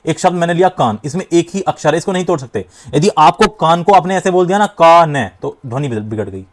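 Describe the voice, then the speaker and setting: Young guy teaching grammar, fairly high voice, keeps stressing points and sounding words out slowly. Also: animated. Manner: emphatic, repeats key points, often says "dhyaan deejiye"; sounds out syllables slowly to demonstrate. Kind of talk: exam-prep lesson at a board.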